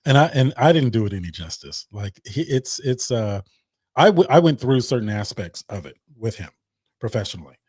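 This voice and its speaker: A man's voice: mid-range voice, lively intonation, normal speed, a little mellow, slightly rough, no echo. Guy hosting a live stream, chatty and loose, dry sound. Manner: loose, chatty, repeats words. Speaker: host. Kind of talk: casual livestream chat.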